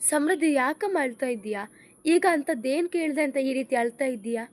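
Woman reading as mother-in-law, stern, questioning, high voice, audio story. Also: expressive, a little fast. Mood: worried.

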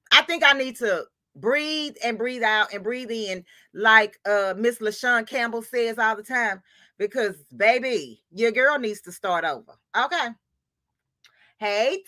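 A woman with a bright, fairly high voice hosts a casual sewing livestream. She greets viewers by name in a chatty, scattered way, laughing often and calling each one queen. The sound is close and dry, with no room echo. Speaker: livestream host of a sewing channel.

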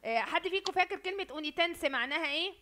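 Fast-talking Egyptian woman lecturing. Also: extremely high pitch, expressive, bright, forceful tone, a little hiss or hum. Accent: Egyptian Arabic. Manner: quizzing students, repeating words. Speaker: university Italian lecturer. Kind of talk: online lecture. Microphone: video call.

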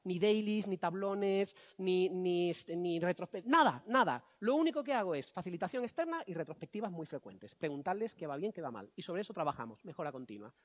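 A man's voice: high voice, expressive, brisk, hardly any pauses. A man doing the voice of a laid-back, friendly Argentine coach, with an Argentine accent and a slangy, casual way of talking. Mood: explaining. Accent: Argentine Spanish.

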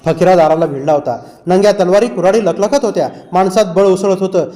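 A man reading a novel aloud as an audiobook narrator, with steady, dramatic storytelling. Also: high-pitched, fast talker.

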